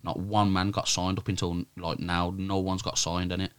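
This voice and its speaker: Interviewed as a Sunday league football manager, this man chats in a casual, animated way, thick with British roadman slang and emphatic, repeated "bruv" and "innit." His voice is low, fairly flat in pitch, a bit bright, clear and resonant, at a moderate pace.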